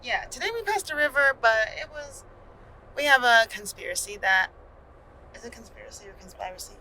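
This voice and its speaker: A woman's voice: a little high, expressive, fairly quick, bright, forceful tone, poor audio. A young woman co-hosting a casual father-daughter podcast, telling a road trip story in a chatty, joking way. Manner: chatty, playful, jokey storytelling. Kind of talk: casual chat.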